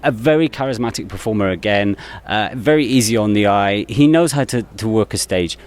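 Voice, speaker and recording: A man's voice: fairly low pitch, a little fast, darkish tone. A man hosting a casual panel discussion, chatty and enthusiastic as he leads the round. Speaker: panel host.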